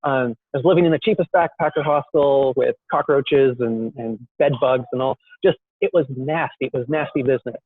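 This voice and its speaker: A man's voice: mid-range voice, fairly quick, few pauses, husky, no room sound. Man's voice, tinny phone-line audio. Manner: self-deprecating, rambling with many fillers and restarts. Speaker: guest entrepreneur. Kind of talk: casual interview storytelling.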